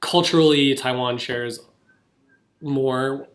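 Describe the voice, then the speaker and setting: A young American man co-hosts a podcast, chatting casually and leaning heavily on fillers and restarts. His voice is medium in pitch with fairly even intonation, and he speaks slowly.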